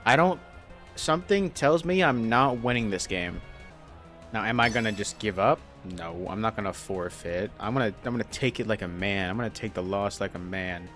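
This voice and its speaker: A man's voice: fairly low pitch, moderate pace, fairly bright tone, soft background music. A young man casually commenting on his own gameplay, thinking aloud with a self-deprecating, hesitant manner and frequent restarts. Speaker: gaming YouTuber.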